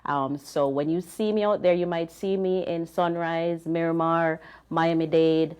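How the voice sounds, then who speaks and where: A woman's voice: sits low, fairly even intonation, unhurried, darkish tone, clear, resonant tone. A Jamaican woman speaking as a panelist in casual talk, with frequent ums.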